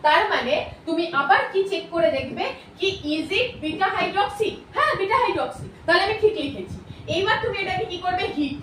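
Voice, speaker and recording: A woman with a Bengali accent gives a chemistry video lecture at a quick pace, asking questions and then answering them herself. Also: very high voice, expressive, a bit bright, a little hiss or hum. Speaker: chemistry teacher. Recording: echoey room, voice from a distance.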